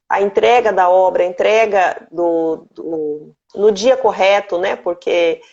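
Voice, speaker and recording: A woman's voice: medium pitch, slow, creaky, a little mellow. Earnest Brazilian woman host, lo-fi audio. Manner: earnest, greets viewers by name mid-story. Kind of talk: live-stream talk.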